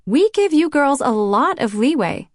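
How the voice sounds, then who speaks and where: A woman's voice: high voice, big pitch swings, measured pace, no room sound, studio quality, voice pushed up. A woman narrating an audiobook, voicing a concerned middle-aged mother who pleads earnestly in a raised voice. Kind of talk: audiobook reading.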